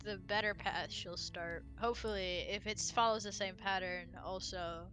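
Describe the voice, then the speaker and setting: Bright-voiced woman casually commenting on a game. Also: mid-range voice, steady tone, normal speed, faint music behind. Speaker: co-player.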